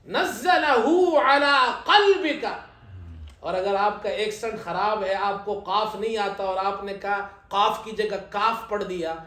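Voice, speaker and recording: A man preaching a sermon as imam, telling light humorous stories and reciting scripture slowly. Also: high-pitched, little pitch movement, a bit bright. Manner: humorous storytelling, slow chanted Arabic recitation. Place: event hall at a ceremony. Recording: echoey hall.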